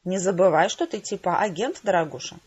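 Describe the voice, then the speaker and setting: A woman reading an audiobook who voices a brisk, chummy female PR agent with breezy, theatrical, playfully condescending talk. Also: fairly low pitch, expressive, darkish tone, slightly rough, lo-fi sound.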